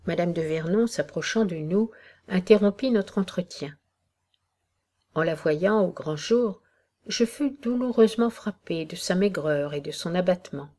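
A woman reading a classic novel aloud in the first person, measured and expressive. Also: on the low side. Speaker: audiobook narrator. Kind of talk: first-person literary narration.

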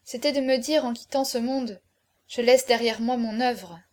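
A woman's voice: fairly high pitch, steady tone, a little mellow, lightly acted. Woman reading a grave noble hero. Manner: solemn, measured farewell speeches. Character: noble condemned male hero, grave and tender. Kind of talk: audiobook character reading.

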